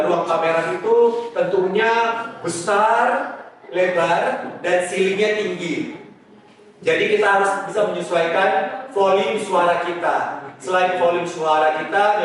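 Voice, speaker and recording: A man with a high voice explains sales skills in a loose, conversational way, pausing often and trailing off his points. He sounds distant from the microphone, and the room rings with a heavy echo. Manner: loose, conversational, with frequent "eh" hesitations and trailing "gitu". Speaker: sales training instructor. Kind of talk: casual instructional talk. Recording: very echoey room, voice distant from mic.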